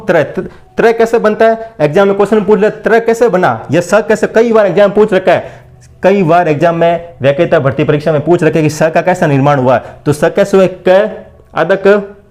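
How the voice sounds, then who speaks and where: A man with a fairly high voice teaches an exam-prep lesson while writing. He drills every point by asking the class and answering it himself. The sound of him writing is heard behind him. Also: darkish tone. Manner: call-and-response drilling, repeats questions and answers; keeps addressing listeners as friends. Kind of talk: blackboard lesson for exam preparation.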